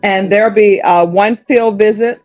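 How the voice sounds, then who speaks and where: A woman's voice: medium pitch, fairly even intonation, moderate pace, a little mellow, soft background music. A woman judge presiding over a hearing, heard in a courtroom recording, speaking firmly and going step by step through the procedure. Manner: firm, procedural, speaks directly to the defendant.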